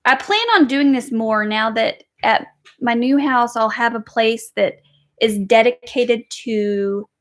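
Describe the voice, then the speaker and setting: A woman's voice: on the high side, fairly even intonation, measured pace. A woman and mother chatting casually on a home livestream, rambling and reading viewer comments aloud. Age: adult with kids. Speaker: livestream host. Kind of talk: casual live chat.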